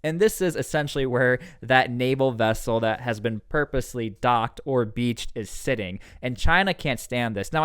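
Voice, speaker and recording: A male host talks straight to his viewers about world events in a casual, slightly sarcastic way. His voice is smooth and resonant. The recording is close and dry, with no room sound. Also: medium pitch, a bit bright, no room sound. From United States. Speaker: commentary channel host. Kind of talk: casual news commentary.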